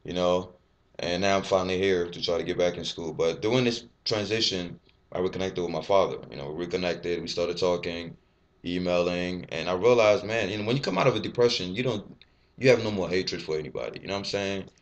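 Sitting at his desk in a small, bare indoor room, a fitness vlogger in his twenties talks candidly to his webcam in a casual personal vlog. He was born in Ivory Coast and French is his first language. His voice is deep and fairly quick, and he rambles and swears without restraint.

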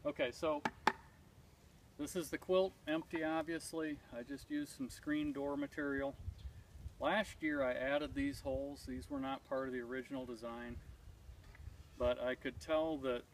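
A beekeeper vlogger in his thirties, with a mid-range voice, explains step by step as he works outdoors in spring woods. His casual demonstration is plain and methodical, with frequent pauses. A far tripod camera captures him through a distant outdoor mic, picking up clear ambience and slight background noise.

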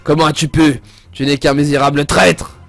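A bitter, scheming villain commander who spits furious threats, as a man reads him out in a game let's play. The voice sits a little high and stays close to an everyday speaking voice, with faint music behind it. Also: little pitch movement, normal speed, vocal fry.

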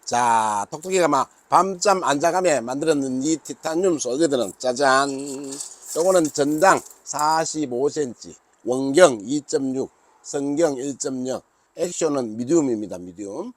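A fishing rod maker and seller in his sixties, with a Gyeongsang Korean accent, chats casually to camera about his product. His mid-range voice moves at normal speed as he jokes, bantering with himself and calling himself by his nickname.

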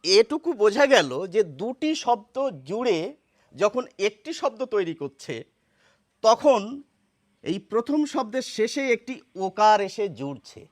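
A man giving a pronunciation lesson, slowly saying example words and contrasting them, and asking his listeners questions. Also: high-pitched, very animated. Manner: slow, deliberate, repeats example words in contrast; addresses listeners directly with questions. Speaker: Bengali pronunciation teacher.

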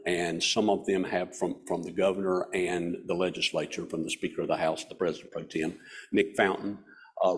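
A man in his sixties with a Southern mountain Appalachian accent, giving a folksy, self-deprecating, informal club speech in a husky voice. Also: deep voice. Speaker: guest speaker. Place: hall stage at a podium. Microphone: podium microphone.

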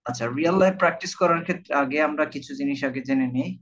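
A man's slightly high voice comes through dull, lo-fi online-class audio. He teaches an IELTS lesson, repeats key terms, and keeps asking his students whether they are following. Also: very fast, a bit bright, a little hiss or hum. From Bangladesh. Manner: repetitive, keeps checking understanding with students. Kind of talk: live online class lecture.

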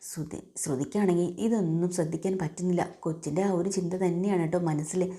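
A woman casually retelling a TV serial episode, chatty and lively, briefly raising her voice for quoted characters. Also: brisk. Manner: chatty, acts out quoted lines with lifted pitch. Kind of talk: casual storytelling recap.

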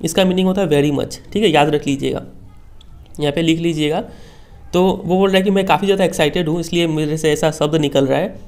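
A man's voice: on the high side, fairly even intonation, fairly quick, darkish tone. A male teacher patiently explaining a school text line by line, often checking that students follow.

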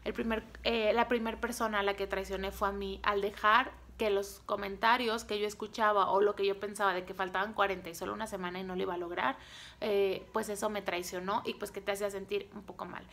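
A woman's voice: mid-range voice, brisk. A woman with a Mexican accent, a sales team leader, telling a motivational story to her viewers in short, punchy phrases. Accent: Mexican Spanish. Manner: animated, acts out dialogue, punchy short phrases.

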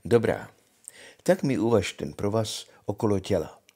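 A brash young soldier from a bedtime storybook, read by an older man, bold and cheeky. The husky voice stays near the reader's own but bounces with lively pitch. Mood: bargaining.

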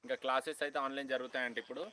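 A young man from Telangana with a Telangana Telugu accent, chatting loudly with viewers on a phone live stream outdoors on a college campus, half-shouting and greeting people by name. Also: medium pitch, little pitch movement, racing, slight background noise, poor audio. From Telangana, India. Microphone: phone held at hand, no external mic.

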